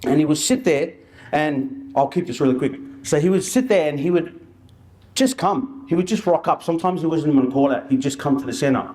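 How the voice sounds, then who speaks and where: A man's voice: a little high, brisk, dark tone. A man giving an informal presentation as an outreach worker, telling stories in colloquial, slangy language. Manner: colloquial and anecdotal, with slang and re-enacted dialogue.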